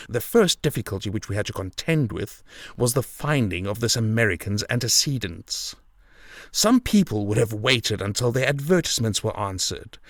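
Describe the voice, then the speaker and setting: A man's voice: mid-range voice, fairly bright tone, dry recording, clean studio sound. A man voicing a boastful, self-satisfied police detective in an audiobook, with a gleeful, bragging manner. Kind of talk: audiobook character voice.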